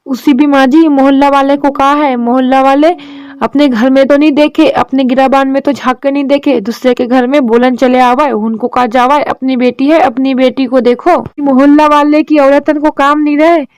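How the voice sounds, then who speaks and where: A woman's voice: sits high, steady tone, moderate pace, a little mellow, no echo, lightly acted, rough recording. A woman voicing a sensible young daughter-in-law in a cartoon drama, lecturing and persuading her mother-in-law. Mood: persuasive.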